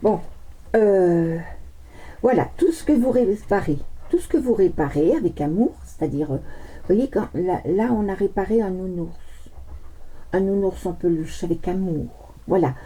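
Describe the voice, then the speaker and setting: A woman's voice: medium pitch, expressive, measured pace, dark tone, poor audio. A middle-aged woman doing a casual, rambling card reading, chatting with fillers and laughs and coughing now and then. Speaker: card reader. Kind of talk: casual tarot reading chat.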